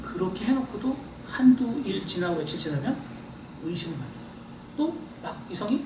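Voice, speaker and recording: Animated male pastor in an echoey hall. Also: high-pitched, a little fast. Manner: animated, acts out inner voices, swings between loud and quiet. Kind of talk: lively sermon lecture. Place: church hall. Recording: echoey hall, voice from far off, faint hiss.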